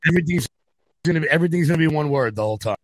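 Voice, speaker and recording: A man's voice: fairly high pitch, animated, racing, dry recording, rough recording. A man with a Long Island accent, a guest chatting casually and easygoingly on a video call.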